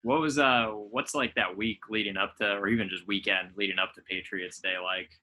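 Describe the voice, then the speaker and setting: A man's voice: on the low side, fairly even intonation, moderate pace, bright, forceful tone. A man interviewing in a casual, conversational style as the host.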